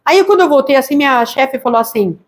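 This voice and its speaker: High-voiced Brazilian woman giving testimony. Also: fast, a little hiss or hum. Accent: Brazilian Portuguese. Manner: lively storytelling, acts out quoted voices. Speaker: missionary pastor. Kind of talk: church testimony.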